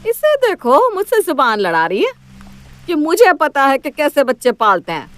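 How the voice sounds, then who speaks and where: A woman's voice: high-pitched, big pitch swings, moderate pace, fairly bright tone. A woman voicing a bossy, quarrelsome older mother-in-law in a cartoon story, taunting and scolding.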